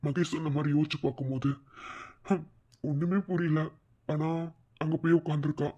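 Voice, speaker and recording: A man voicing a gentle, heartsick young husband in a cartoon, with a Madurai accent, talking softly to himself. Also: fairly high pitch, fairly even intonation, a little fast, highs cut off, lightly acted. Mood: sad. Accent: Madurai Tamil. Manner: soft self-talk.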